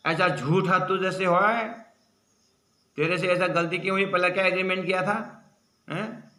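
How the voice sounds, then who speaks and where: A man voicing a furious man armed with a club, who shouts, scolds and makes threats. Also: on the high side, animated, fairly quick. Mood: threatening. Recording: echoey room.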